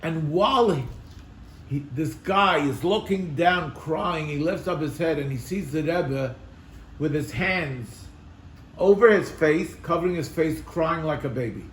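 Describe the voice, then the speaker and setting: Earnest high-voiced rabbi in an echoey room. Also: male voice, unhurried, slight background noise. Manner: earnest, rhetorical questions, emphatic repetition. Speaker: rabbi teaching a class. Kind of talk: Torah class with storytelling.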